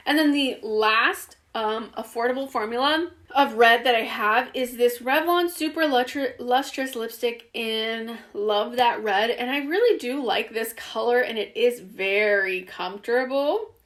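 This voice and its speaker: A woman's voice: a little high, a bit bright. A woman giving a casual, chatty lipstick review, with fillers and restarts, her voice a bit worn. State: losing her voice. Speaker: beauty vlogger.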